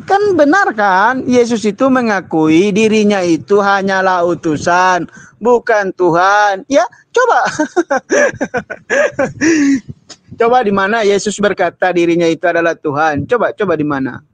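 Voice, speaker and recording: Male debater, high voice, slow and mocking, dry close sound. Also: expressive, no room sound. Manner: mocking, taunting, laughing at opponent. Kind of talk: online religious debate.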